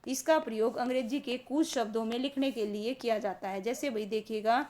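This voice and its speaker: A woman teaching a grammar lesson for exam students, who keeps asking the class questions and answering them herself and slows down to stress key terms. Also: fairly high pitch, darkish tone.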